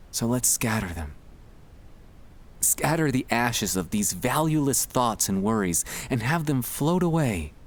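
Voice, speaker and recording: In a gentle, soothing tone, a man with a medium-pitched voice reads a scripted ASMR guided relaxation. His reassuring delivery is meant to help the listener fall asleep.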